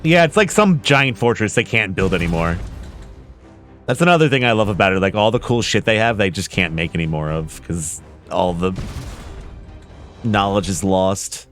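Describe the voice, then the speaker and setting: Game music and artillery fire play under this man's casual commentary as he reacts to the game. His lowish, slightly bright voice has lively intonation and a moderate pace, and he rambles and swears like an eager fan.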